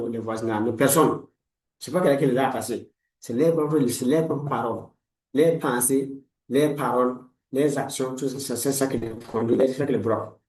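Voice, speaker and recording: A man's voice: mid-range voice, darkish tone, roomy sound, recorded from a distance, poor audio. A man in his forties, a life coach giving a motivational talk in a preachy, repetitive way, full of blessings. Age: 40s. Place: room lined with books, indoors.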